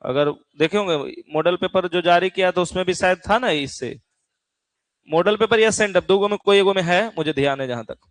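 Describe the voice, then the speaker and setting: A man's voice: high voice, moderate pace, no echo. A male physics teacher, lecturing a class in a chatty way, teasing students and often checking that they follow. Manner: keeps asking the class "theek hai na?".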